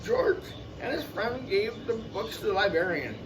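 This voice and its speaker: A high-voiced man reads a children's picture book aloud with lively, expressive intonation at an unhurried pace, tossing in casual asides and repeating phrases for young listeners. The storyteller is captured from a distance in a noisy recording.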